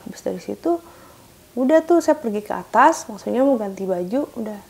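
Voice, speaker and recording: A young woman with a fairly high voice recounts a painful experience in an animated way. She acts out other people's lines in sudden loud, high bursts and then drops to near whispers. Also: a little fast, creaky. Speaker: guest recounting her experience. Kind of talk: emotional personal account.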